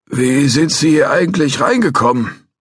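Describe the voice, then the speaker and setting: An old, testy, suspicious, doddering security guard grumbles and shouts in a thin, high, querulous voice. His speech is expressive, at normal speed, and husky, recorded close with no echo or room around it.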